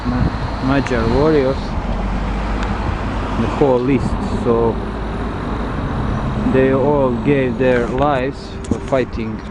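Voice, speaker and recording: A man who speaks English as a non-native language, guiding a walking city tour in a halting, searching way, outdoors in the wind. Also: medium pitch, fairly even intonation. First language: not English. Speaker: travel vlogger, tour guide. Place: outdoors on windy city streets by a river. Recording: loud wind and street noise, outdoors.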